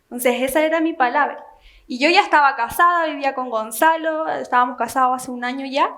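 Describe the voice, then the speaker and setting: A young woman telling her personal testimony to a church group, earnest and halting, with frequent fillers. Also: high voice, a bit bright. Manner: earnest storytelling with many fillers. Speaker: church member giving testimony.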